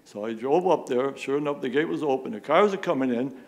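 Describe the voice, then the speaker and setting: A man's voice: mid-range voice, lively intonation, brisk, a little mellow. A man speaking during public comment at a town meeting, pressing his complaint with repeated rhetorical questions. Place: town police commission meeting room.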